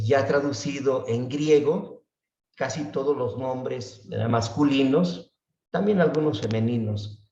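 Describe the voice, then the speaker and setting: Slow-talking man teaching a Bible class. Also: mid-range voice, warm tone. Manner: unhurried, often asks "¿verdad?" and draws out words he repeats. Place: church room. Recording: echoey room, voice far from the mic, dull sound.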